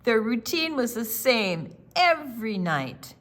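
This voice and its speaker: Her voice on the high side and very animated, a storytime reader slowly reads a picture book to young children. She gives words emphasis and offers small explanations as she goes.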